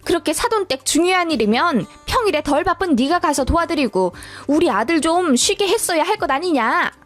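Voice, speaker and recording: A woman's voice: very high voice, lively intonation, fairly quick, faint music behind, voice pushed up. A woman voicing a nagging, indignant older mother-in-law in a dramatized story reading. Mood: scolding. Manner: indignant, scolding.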